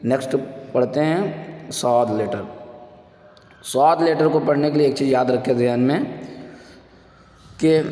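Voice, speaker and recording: A man's voice: on the high side, darkish tone. A man teaching beginners Arabic letters for reading the Quran. He explains each letter and has listeners repeat after him, and he stretches and sings out the letter sounds. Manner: drawn-out sung letter sounds for repetition; mixes English words into explanations. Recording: echoey room with long reverb.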